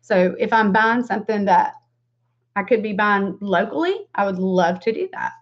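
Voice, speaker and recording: A muffled, lo-fi webcam recording of a woman with a Southern American drawl. She hosts a casual makeup livestream in a mid-pitched voice, informal and rambling, chatting directly to viewers. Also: lively intonation, moderate pace. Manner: informal, rambling, self-deprecating asides. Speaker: beauty livestream host and makeup seller. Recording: dull lo-fi webcam stream.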